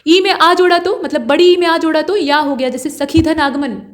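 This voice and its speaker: Woman, teacher, high voice, exam-prep grammar lesson, repeats key points, close mic. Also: steady tone, fairly quick.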